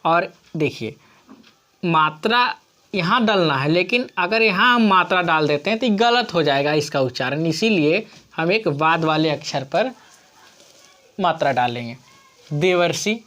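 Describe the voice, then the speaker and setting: A woman's voice: lowish voice, lively intonation, a bit bright. A woman teacher explaining grammar rules on screen, patiently asking questions and answering them herself. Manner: slow, patient, asks and answers her own questions.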